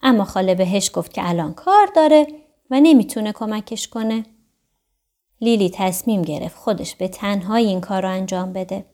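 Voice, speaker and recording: A woman narrating a children's audiobook in an expressive, sing-song storytelling manner. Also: mid-range voice.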